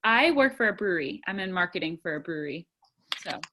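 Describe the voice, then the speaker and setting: A woman's voice: fairly low pitch, lively intonation, fast, sharp tone, a little hiss or hum. A woman in her twenties, a guest in a casual interview, chatty and upbeat with many fillers. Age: 20s.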